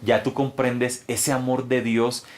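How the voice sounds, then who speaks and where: A man's voice: little pitch movement, slow. A man, a pastor, adding an earnest teaching to a testimony in an informal way. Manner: earnest, teaching, rises in pitch when stressing points. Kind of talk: informal preaching.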